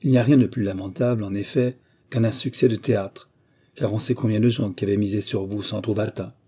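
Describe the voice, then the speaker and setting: A man narrating a literary audiobook in a measured, even reading. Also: on the low side, slightly rough.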